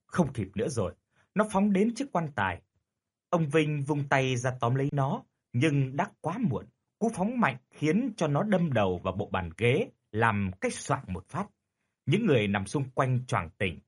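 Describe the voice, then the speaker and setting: A man's voice: medium pitch, very animated, normal speed, husky. A man narrating a horror story dramatically.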